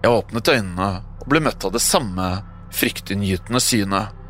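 A man's voice: fairly low pitch, slight background noise. A man reading a first-person horror story aloud, telling it expressively. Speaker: narrator. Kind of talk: scripted horror narration. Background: soft music.

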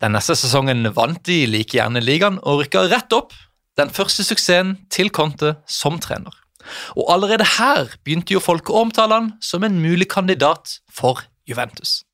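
Brisk man narrating, higher voice. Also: expressive, a bit bright, no echo, clean studio sound. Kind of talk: scripted narration.

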